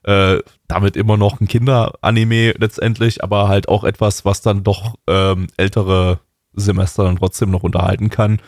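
Man, podcast co-host, low voice, dry mic, rambling casual chat. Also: little pitch movement, normal speed, dry recording. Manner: rambling, many fillers and restarts.

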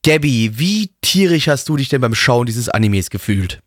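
A man's voice: mid-range voice, sing-song, moderate pace, dry recording, clean studio sound. A young man co-hosting a casual anime review, bantering in a crude, mocking, slangy way. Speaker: co-host of an anime review talk.

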